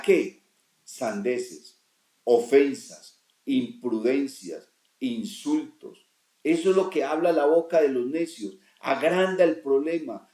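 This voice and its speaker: A man's voice: medium pitch, warm tone, echoey room. A male pastor preaching a sermon, emphatic, with repeated rhetorical questions.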